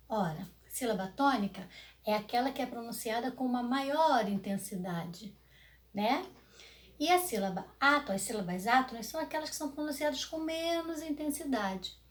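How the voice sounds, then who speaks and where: A young Brazilian woman teaching an online grammar lesson to children, drawing words out slowly and checking in with "né?" and "tá?". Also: on the high side. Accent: Brazilian Portuguese. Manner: slow, stretched words for emphasis, frequent "né?" and "tá?". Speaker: primary school teacher.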